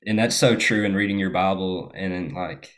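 In a casual chat, a young American guest recounts a story with a low voice at normal speed. His delivery is relaxed and heavy on fillers.

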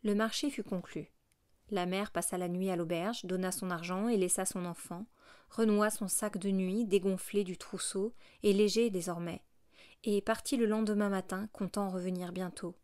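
A woman with a medium-pitched voice reads a classic novel as an audiobook, measured yet expressive. The recording is studio quality with no echo.

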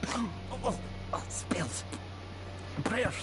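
Terrified soldier in a cowering plea. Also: male voice, sits high, animated, loud music behind the voice, full character voice. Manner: cowering, pleading, broken and halting. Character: terrified dying soldier, survivor of a demon attack. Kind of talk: dramatic video game acting.

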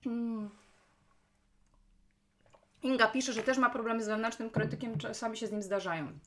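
A woman's voice: on the high side, steady tone, normal speed, a little hiss or hum. A woman with a chesty cough, chatting casually to viewers on a live stream and often addressing them directly. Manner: chatty, repeatedly checking in with questions to listeners. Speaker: live-stream host, business coach and speaker. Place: at home, indoors.

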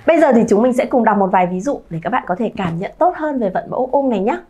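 A woman in her thirties teaching pronunciation to her viewers, lively and drawing out sounds to model them. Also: fairly high pitch, quick pace, background noise. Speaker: Chinese teacher, channel founder. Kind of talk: pronunciation lesson to camera.

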